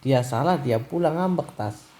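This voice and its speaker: A man's voice: medium pitch, expressive, moderate pace, dark tone, slight background noise. A middle-aged man, a father filming his family at home on a phone and teasing them in casual chat. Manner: teasing, chatty, keeps addressing his daughter.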